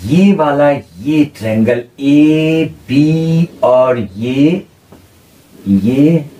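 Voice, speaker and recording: A man teaching a geometry lesson in speech, explaining slowly and repeating terms as he points and writes. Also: medium pitch, a little mellow. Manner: slow, repeats terms while pointing and writing. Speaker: maths tutor. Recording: roomy, slightly distant mic with faint noise.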